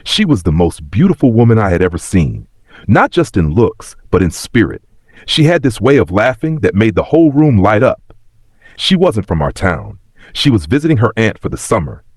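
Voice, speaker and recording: A man acts out a regretful, very old man reflecting plainly on his life in a read story. The voice is deep and husky, rising and falling expressively. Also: sing-song, normal speed, a little mellow, no room sound, studio quality. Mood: nostalgic. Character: wistful, regretful ninety-year-old man telling his past. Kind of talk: scripted story reading.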